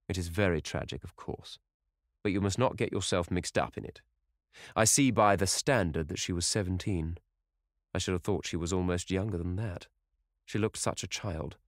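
A man reading an audiobook, voicing a worldly aristocratic gentleman who speaks in a cool, measured and drily witty way. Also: sits low, dry recording, studio quality.

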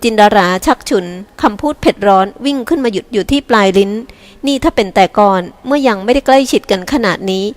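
A woman reading an audiobook novel aloud in slow, measured narration. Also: mid-range voice. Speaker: audiobook reader. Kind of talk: scripted narration.

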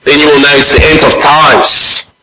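A man preaching a sermon as pastor in a church, slow and deliberate, reading scripture aloud. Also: a little high, level tone, sharp tone, roomy sound, poor audio.

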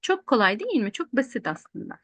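A woman's voice: fairly high pitch, very animated, a little fast, fairly bright tone, dry recording. Woman teaching Quran recitation rules. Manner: explains patiently, repeats rules, asks questions then answers them. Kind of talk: online tajweed lesson.

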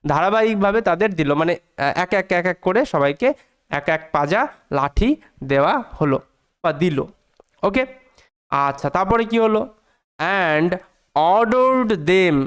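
High, smooth-voiced man teaching English reading. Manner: slow drawn-out reading of English words, then quick explanation; checks in often with rhetorical questions. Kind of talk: reading lesson, translating English into Bengali.

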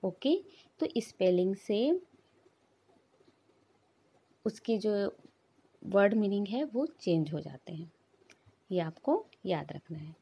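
A woman teacher talking children through English sounds in an unhurried, patient way. Her voice is mellow and a little husky, and she repeats each example slowly. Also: mid-range voice, animated. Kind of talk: English phonics lesson.

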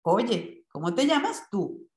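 Woman reader voicing a streetwise boy: brash, self-assured, lower than her own voice, echoey room. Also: sing-song, slow. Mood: cocky.

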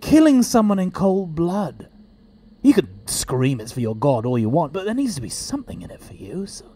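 An actor playing a quirky, defiant time-travelling hero in an audio drama, theatrical, moving between flustered mumbling and quiet threat. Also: male voice, on the high side, very animated, normal speed. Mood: intense.

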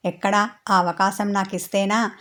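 A woman's voice: medium pitch, little pitch movement, normal speed, lightly acted. Woman reading as a snappish young bride. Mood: snapping. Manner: snappish, scolding in a hushed voice. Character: young bride, irritated and hurt.

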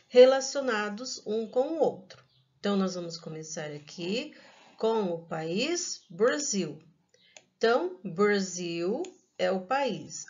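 Slow, patient Brazilian woman teacher. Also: mid-range voice, lo-fi sound. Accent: Brazilian Portuguese. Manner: slow, careful, repeats each word for children. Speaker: English teacher. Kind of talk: recorded online class.

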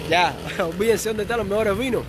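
A young man with a Cuban accent talks casually on a live stream, reading out viewer comments and replying to them. His voice sits slightly high. Faint street and car noise hums in the background. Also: brisk. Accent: Cuban Spanish. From Cuba. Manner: chatty, reads viewer comments aloud and answers them.

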